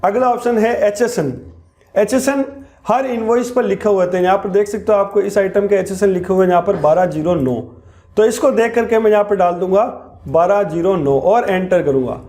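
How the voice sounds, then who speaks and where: High-voiced man explaining step by step. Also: warm tone. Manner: step-by-step explaining, slows down for key terms. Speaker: accounting software teacher. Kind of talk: screen-recorded tutorial.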